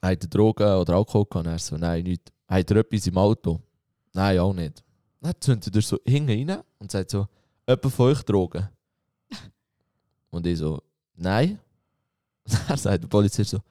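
Low dark-voiced man telling a story. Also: no room sound, studio quality. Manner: animated storytelling, acting out quoted voices. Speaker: storyteller among friends. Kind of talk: casual anecdote.

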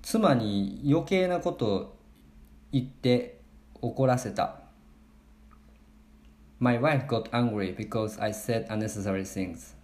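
A man's voice: on the low side, very slow, long pauses, a little mellow. A man with a Kansai accent hosting a podcast lesson on his dialect, switching between Japanese and careful, non-native English explanations. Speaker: podcast host and dialect teacher. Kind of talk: bilingual language lesson podcast. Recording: roomy echo.

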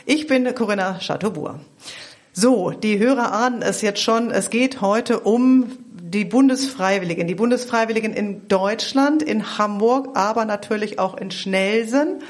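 A woman's voice: mid-range voice, unhurried. A woman who hosts a podcast and talks in a chatty way, laughing often and restarting her sentences. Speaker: podcast host. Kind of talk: casual podcast moderation.

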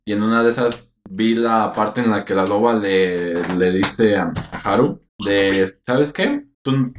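A Mexican man with a low voice rambles through a casual podcast chat, often pausing to find his words. The room around him echoes. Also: level tone, a little hiss or hum. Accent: Mexican Spanish. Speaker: podcast co-host. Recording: roomy echo.

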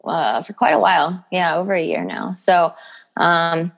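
Her voice sits on the low side, creaky and unhurried but with lively intonation. A young woman guesting on a podcast, she recounts her own health story in an easygoing, personal way, leaning heavily on fillers such as "you know" and "like."

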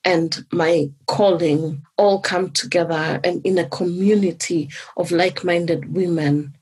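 A woman's voice: fairly low pitch, steady tone, a little slow, darkish tone, husky, poor audio. A woman from Kenya who works as a business coach, giving an emphatic, promotional testimonial.

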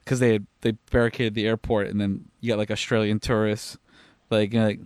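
A tired young man talks fast on a podcast, piling on fillers and swearing as he rants. The sound is close and dry, with no room around it. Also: on the low side, little pitch movement, a little mellow, clean tone, dry recording. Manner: profane, rapid rants with frequent fillers. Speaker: podcast co-host. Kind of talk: casual podcast chat.

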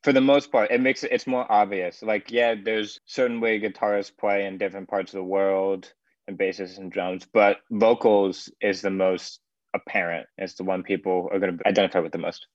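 A man co-hosting a music breakdown, talking about music theory and production in relaxed, loosely phrased sentences. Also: low-pitched, moderate pace, no room sound, dull audio. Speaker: music analysis co-host. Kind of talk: casual analytical chat.

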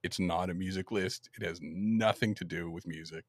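A man hosting a podcast in casual chat, laughing often and talking in an animated way. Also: low voice, normal speed, dry recording, clean studio sound. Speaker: podcast host.

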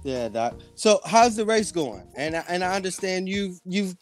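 A man hosting a casual interview, speaking haltingly and repeating phrases for emphasis. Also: high-pitched, expressive, soft background music. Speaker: interview host.

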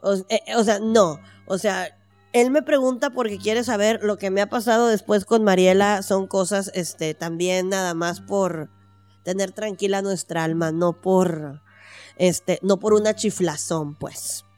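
A woman's voice: medium pitch, steady tone, a little slow, darkish tone, no room sound, faint music behind. A woman with a Mexican accent telling a personal story in casual chat, acting out the voices she quotes and using slang.

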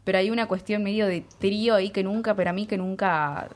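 A woman's voice: mid-range voice, steady tone, fast talker. A woman with an Argentine accent, hosting a casual chat and summarizing at length with strong opinions. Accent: Argentine Spanish.

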